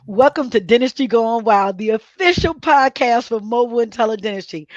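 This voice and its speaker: A woman's voice: a little high, brisk, no room sound, dull audio. A woman co-hosting a podcast in an upbeat, casual chat, often repeating words as she gets going. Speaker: podcast co-host.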